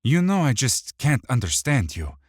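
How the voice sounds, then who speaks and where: A man's voice: mid-range voice, sing-song, normal speed, a little mellow, husky, no echo, studio quality, pitched above the performer's own voice. A man voicing a small, wiry male thief who taunts his captive in a mocking, sing-song way and hides a psychotic rage. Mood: gloating.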